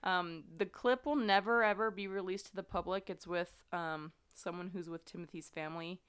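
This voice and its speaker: Woman podcast host, lowish clear voice, chatty true-crime retelling. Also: fairly even intonation, moderate pace, fairly bright tone. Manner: conversational, many fillers, earnest. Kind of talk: casual true-crime storytelling.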